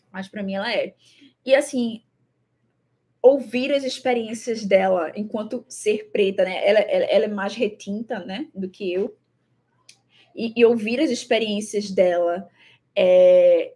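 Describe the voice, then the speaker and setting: A young Brazilian traveling vlogger with a Brazilian Portuguese accent chats casually to the camera about her travels. Her voice is mid-range with a darkish tone. She's thoughtful, repeats words and uses many fillers.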